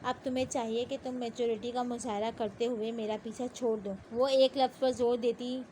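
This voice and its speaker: A proud, hot-tempered young woman from an audio novel speaks sharply and indignantly, as the narrator reads her. Her voice sits fairly high and stays level, with a faint noise underneath. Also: little pitch movement, mellow, close to an everyday voice.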